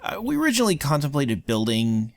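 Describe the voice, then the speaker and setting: A man's voice: medium pitch, wildly swooping pitch, fairly quick, no room sound. A man casually narrating a tour of a game world, rambling with lots of ums and likes. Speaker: let's play co-host. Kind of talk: casual gameplay commentary.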